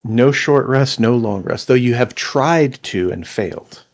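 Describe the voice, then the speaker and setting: A man narrating as game master for an online tabletop game, with a halting delivery full of fillers. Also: mid-range voice, expressive, vocal fry.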